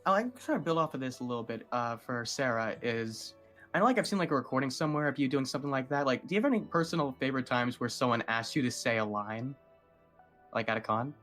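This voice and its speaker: A man's voice: medium pitch, animated, fast, fairly bright tone, soft background music. A man co-hosting a podcast, asking questions in a rambling, casual way. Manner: rambling, filler-heavy. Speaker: podcast co-host.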